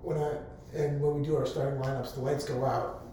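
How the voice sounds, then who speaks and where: On a college campus, a young adult man who works as a public address announcer gives casual interview answers in a strongly echoing room with a faint hum underneath. His hoarse, mellow voice sits at an average pitch with a level tone and a slightly quick pace. He sounds eager and loose, rambling with lots of fillers and restarts.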